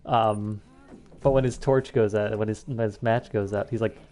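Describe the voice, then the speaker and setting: A man's voice: on the low side, fairly even intonation, moderate pace, a little mellow. A man giving casual, offhand commentary while playing a video game, humming along and swearing now and then. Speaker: let's play host. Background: faint game music.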